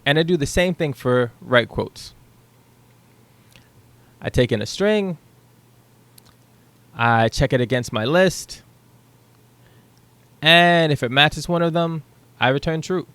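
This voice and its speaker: A young programming tutor casually walks through his code on a screen share, thinking aloud with the odd um and a questioning "right?". His voice is on the high side and fairly bright, and he takes it slowly with frequent pauses. He's on a headset in a small room at home, with no room sound.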